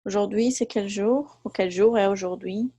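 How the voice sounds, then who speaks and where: A woman teaching a live online class who explains patiently and repeats each example slowly. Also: mid-range voice, dark tone, slightly rough, no echo. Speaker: French teacher.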